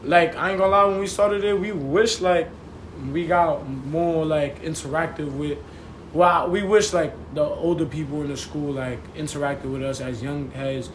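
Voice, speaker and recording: As a guest on a podcast, a young adult from New York chats casually in thick slang with a New York accent, frequently tossing in check-ins to make sure he's followed. His voice sits on the high side with fairly even intonation at normal speed; the room echoes and background noise is clearly audible.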